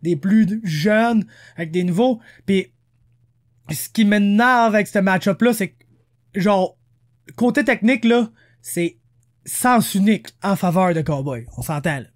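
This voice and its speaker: Quebec guy co-hosting a podcast, kinda high voice, slangy, throws in english words all the time. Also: unhurried. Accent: Quebec French. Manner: slangy and animated, drops English words into his French. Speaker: podcast co-host. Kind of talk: casual podcast chat.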